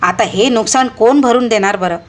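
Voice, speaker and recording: A woman's voice: high voice, expressive, unhurried, pitched above the performer's own voice. A woman voicing an agitated male teacher. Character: agitated middle-aged male teacher organizing a trip.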